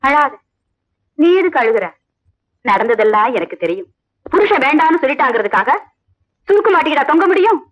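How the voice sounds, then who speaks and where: Woman playing a sharp-tongued greedy stepmother. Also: high voice, very animated, brisk, pauses often. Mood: mocking. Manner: scolding, mocking. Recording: dull audio with background music.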